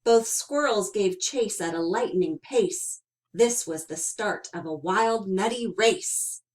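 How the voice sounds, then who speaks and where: A woman with a mid-range voice reads a children's picture book aloud, performing as an expressive storyteller who adds dramatic emphasis and stretches out her words.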